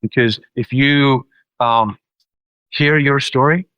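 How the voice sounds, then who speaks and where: A man's voice: medium pitch, slow pace, fairly bright tone, clean tone, no room sound, muffled recording. New man, dry close sound. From New Zealand. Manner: loose, searching delivery with many ums. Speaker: documentary filmmaker and guest. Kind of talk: casual interview conversation.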